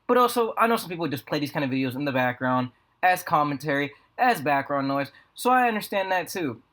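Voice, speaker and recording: A young American man with a slightly high voice talks at a rapid clip. He rambles through a casual vlog story, full of slang and profanity. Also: expressive, fairly bright tone. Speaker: video creator. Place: apartment room with a fan running. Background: fan hum.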